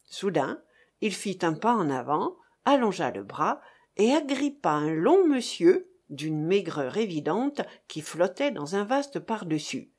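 A woman reads a novel aloud as an audiobook narrator, measured and expressive. Her pitch moves a lot, giving the story a lively rise and fall. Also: breathy edge. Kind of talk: scripted narration.

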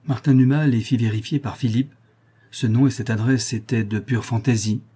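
A man narrating a novel in a measured, even storytelling manner. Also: mid-range voice, husky. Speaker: audiobook narrator.

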